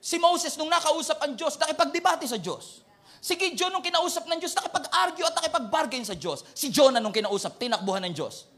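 Man, pastor, Filipino accent, sermon, high voice, very lively pitch, acts out people. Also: a little fast. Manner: animated, switching between Filipino and English, acting out church members.

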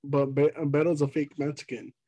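A man co-hosting a podcast, teasing his friend with quick wisecracks in casual chat. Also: a little high, level tone, dark tone. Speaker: podcast co-host.

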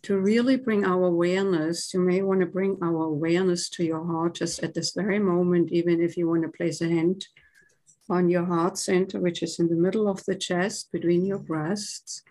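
A woman with a German accent, a podcast guest speaking in a slow, soothing, meditative way. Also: on the low side, fairly even intonation, dark tone, low-quality recording. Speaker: guest, tantra teacher. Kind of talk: podcast interview.

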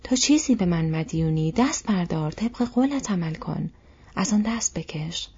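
A woman voicing an old male wizard, stern and patient, who speaks in a low, measured, half-whispered way. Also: animated, a little mellow, a little hiss or hum. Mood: stern, grave. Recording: dull lo-fi recording.

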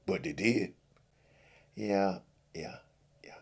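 A man's voice: low-pitched, takes it slowly, creaky, slightly rough, full character voice. A man voicing a stubborn, hot-tempered grown man who keeps repeating himself defiantly. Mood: indignant.

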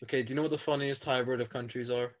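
A man co-hosting a podcast, riffing in deadpan mock-critic bits in casual comedic chat. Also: medium pitch, very fast. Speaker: podcast co-host.

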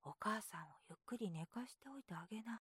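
A woman doing a calm, whispering older brother. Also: measured pace, husky, dry recording, clean studio sound. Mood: quiet, calm. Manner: low, quiet, near whisper.

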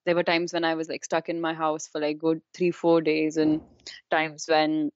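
A young Kashmiri woman, a university student, speaks in a low, darkish voice that is clear and resonant, with completely flat delivery at a moderate pace. As a guest in a casual interview, she talks informally in a Kashmiri Indian accent, filling her speech with "like" and "you know." The sound is dull, roomy and echoey.

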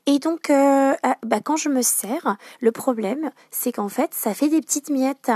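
A woman's voice: high-pitched, a little slow, dark tone, dry recording, clean studio sound, pitched above the performer's own voice. A woman voicing a pushy female customer who coaxes a shop worker in a wheedling, confiding way. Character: pushy woman customer angling for big cereal pieces.

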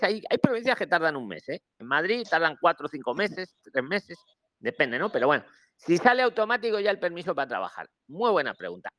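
A man hosting a live online advice session, explaining in an animated, repetitive way. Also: on the high side. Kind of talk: live video call Q&A.

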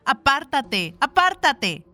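A woman voicing a furious, tearful young mother fighting to keep her baby, her voice climbing high and shrill. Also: expressive, moderate pace, fairly bright tone, faint music behind. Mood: frantic. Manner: shrill and desperate.

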